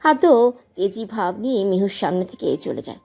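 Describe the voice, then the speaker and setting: Woman narrator, emotive audio-drama storytelling, soft music bed. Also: mid-range voice, fairly quick, vocal fry. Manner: emotive, expressive.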